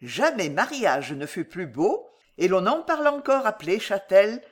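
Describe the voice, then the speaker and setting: A woman reading a traditional folk tale aloud in an expressive, measured way. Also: medium pitch. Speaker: storyteller.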